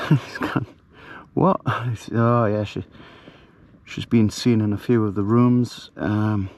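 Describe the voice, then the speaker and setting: A middle-aged man, telling a ghost story in a hushed, rambling way with many fillers, camping outdoors at night. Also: on the low side, fairly even intonation, measured pace. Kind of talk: casual storytelling to camera.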